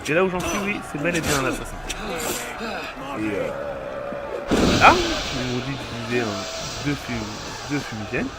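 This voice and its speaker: A man giving casual, jokey commentary while playing a video game, with loud game music behind. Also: mid-range voice, a little slow, pauses often. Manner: chatty, jokey, lively. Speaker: let's play gamer.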